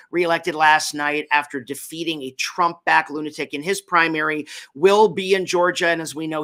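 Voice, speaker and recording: Hungover man with a bright, forceful voice. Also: on the high side. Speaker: host of a political talk show. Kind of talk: political commentary to an audience.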